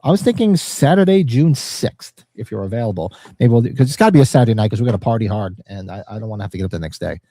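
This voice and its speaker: A podcast host with a fairly low, mellow voice bantering casually on a livestream, speaking very fast with few pauses and lively intonation. Allergies leave him congested, nasal and sniffly with a slightly sore throat, and he swears occasionally. There's no room sound.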